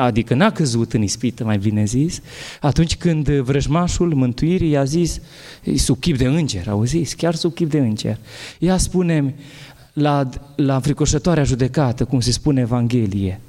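A man, an Orthodox bishop, giving a spiritual talk and answering questions in an animated, halting way with many restarts. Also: mid-range voice, big-room sound.

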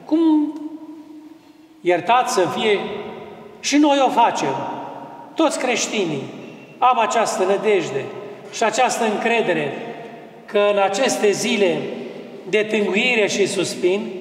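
A man preaching a slow, solemn sermon as an Orthodox priest, quoting hymns. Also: high voice, lively intonation. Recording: roomy, echoing, far from the mic.

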